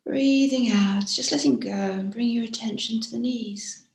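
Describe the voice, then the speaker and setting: A woman with a voice on the high side guides a body scan meditation as a teacher. Her speech is soft, gentle and unhurried, full of pauses, with breathy phrase endings, captured in a roomy, echoing room.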